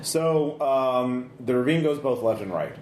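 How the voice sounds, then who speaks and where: Guy running a tabletop rpg, medium pitch, thinks out loud, echoey room w some noise. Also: animated. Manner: casual, halting, thinking aloud. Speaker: game master. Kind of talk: improvised tabletop game narration.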